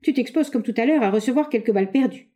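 A woman's voice: a little high, fast, mellow, pitched above the performer's own voice, lightly acted. A woman reading aloud, voicing an exasperated husband, a naturalist, in a plain, impatient way.

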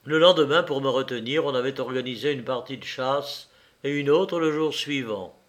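A man narrating a literary story in a measured reading voice. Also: medium pitch.

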